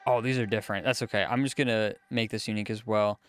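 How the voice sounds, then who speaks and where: A man's voice: fairly low pitch, fast, a little hiss or hum. A man, a music producer, casually talking through a studio session as he works in a music studio. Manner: relaxed, chatty, explains as he works.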